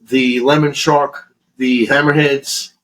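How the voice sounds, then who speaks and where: A man's voice: medium pitch, flat delivery, takes it slowly, fairly bright tone, low-quality recording. A man from Florida co-hosting a podcast, rambling through a casual chat in a heavily profane, restart-filled way. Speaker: podcast co-host.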